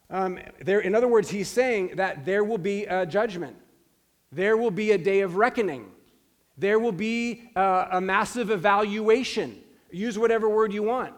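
A man in his forties, a pastor preaching a sermon in an earnest, emphatic way, repeating his key phrases. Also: high-pitched. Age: 40s.

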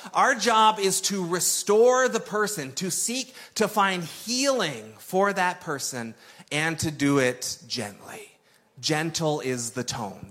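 A man's voice: on the high side, pushed and bright. A man preaching a sermon in a conversational, emphatic way, repeating key phrases for weight. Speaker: pastor.

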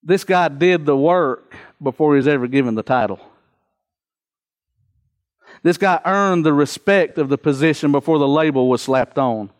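A male preacher with a notably high voice delivers a sermon. He is earnest and exhorting, driving points home with repeated phrases. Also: a little mellow, smooth.

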